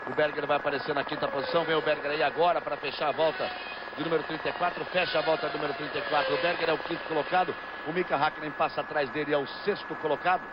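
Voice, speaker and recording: A man's voice: on the high side, steady tone, rapid-fire. A man with a Brazilian accent working as a motorsport commentator, calling a race live. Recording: dull lo-fi broadcast, loud engine noise. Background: loud racing cars and trackside noise.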